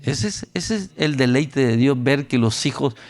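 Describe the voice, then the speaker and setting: Speaking a little slowly at medium pitch, a man from Honduras delivers a sermon built on stories at a youth camp, his Honduran Spanish accent clear. He's animated, performing the voices of those he quotes.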